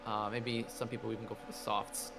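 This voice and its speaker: A man's voice: fairly low pitch, level tone, a little fast, over music. A man doing live motorsport race commentary, narrating the action play by play.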